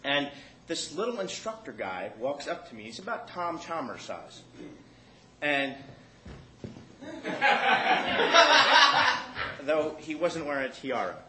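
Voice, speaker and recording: A man's voice: on the high side, very animated, slow, pauses often, echoey room, very noisy. A man telling a comic story to a live audience, profane and self-mocking, often laughing while he talks.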